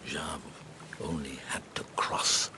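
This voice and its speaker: An actor in a radio drama playing an avuncular, world-weary middle-aged police inspector who speaks in a measured, halting way. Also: male voice, extremely low pitch, flat delivery, sharp tone, a little hiss or hum, exaggerated voice. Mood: grim, deliberate.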